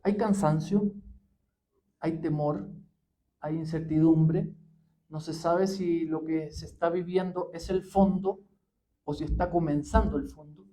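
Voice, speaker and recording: A history professor giving a public talk, unhurried and full of pauses and fillers. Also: male voice, high-pitched, dark tone, poor audio. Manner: measured, many pauses and fillers.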